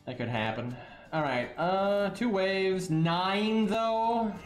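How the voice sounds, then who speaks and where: Guy with a stuffed up nose chatting on a game stream, a bit high pitched, echoey room. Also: slow, soft background music. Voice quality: congested, stuffy-nosed. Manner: rambling, chatting with viewers. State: sniffly, under the weather, mouth-breathing. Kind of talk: casual game stream commentary.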